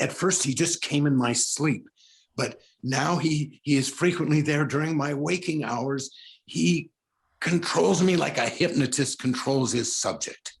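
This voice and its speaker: In a 1940s-style radio drama, a male actor plays a concert pianist who is tormented and coming apart. His slightly high, creaky voice stammers and halts in an overwrought way.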